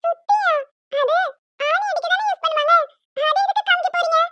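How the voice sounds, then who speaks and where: A woman's voice: a little fast, sharp tone, no room sound. A woman voicing a small, stubborn cartoon girl who pleads in a whiny, insistent way. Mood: pleading. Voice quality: squeaky and very high. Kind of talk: animated cartoon voice acting.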